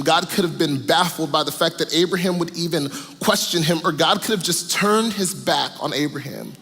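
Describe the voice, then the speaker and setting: A man's voice: on the high side, gravelly, a bit bright, in a large hall. A male pastor preaching a sermon, telling a story earnestly and stressing points through repetition. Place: church auditorium.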